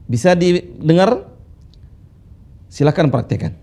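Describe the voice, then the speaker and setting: A man teaching Quran recitation rules, patiently drilling students with slow, drawn-out recited phrases. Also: fairly high pitch, very animated, warm tone. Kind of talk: tajwid lesson with recitation drills. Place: classroom studio with whiteboard.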